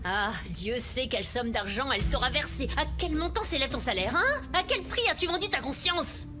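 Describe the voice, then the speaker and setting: Middle-aged mother, high voice, fierce and insistent soap dubbing over strong dramatic music. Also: big pitch swings, normal speed. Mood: threatening. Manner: intense, insistent, theatrical. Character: fierce, defiant mother confronting her enemies. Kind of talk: dubbed TV soap drama acting. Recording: dramatic music under studio dub.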